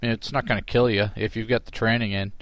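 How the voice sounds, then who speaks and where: Chatty podcast host, dry sound. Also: male voice, fairly low pitch, little pitch movement, fast, no room sound. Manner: chatty, advising, joking. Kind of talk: casual listener-mail chat.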